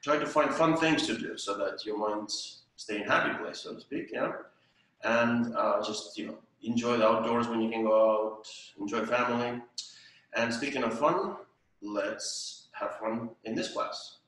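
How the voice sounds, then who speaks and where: A man's voice: mid-range voice, a little slow, a bit bright. Older guy teaching ballet at home, counting the beat, super echoey room, far off mic. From Estonia. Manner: counts rhythmically and sings out the beat. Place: home room with tiled floor. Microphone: far camera.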